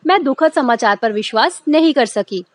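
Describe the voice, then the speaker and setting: A woman teacher explaining a school lesson, reading each line slowly and then explaining it in Hindi. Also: sits high, animated, no echo.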